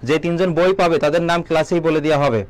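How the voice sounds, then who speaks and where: Young man, online tutor, live exam-prep class, quizzing viewers, slightly high voice. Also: steady tone, fast. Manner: quizzing viewers, reading out comments. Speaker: admission coaching teacher.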